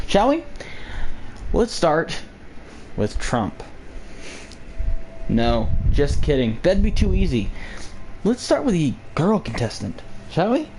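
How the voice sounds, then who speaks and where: A young man talks straight into his home mic, rambling through a sarcastic rant. His voice sits a little high and leaps around in pitch. A faint background noise runs under it. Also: a little mellow. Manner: rambling, sarcastic, jokey asides. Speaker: vlog host. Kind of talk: casual political rant.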